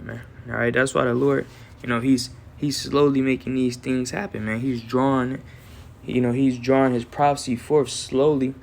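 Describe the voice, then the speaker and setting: A man giving casual Bible commentary, reading verses slowly and tagging his lines with "man" and "right". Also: mid-range voice, vocal fry, slight background noise. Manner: reads verses aloud in a slow deliberate cadence. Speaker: scripture teacher.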